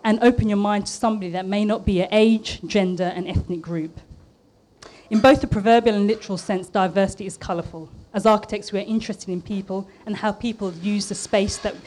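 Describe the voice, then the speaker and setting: A thirty-something woman from East London, a public speaker and architect with a polished southern English accent, gives a prepared talk a little fast. Her mid-range voice has a darkish tone and fairly even intonation, and she sounds earnest yet slightly nervous, with small restarts.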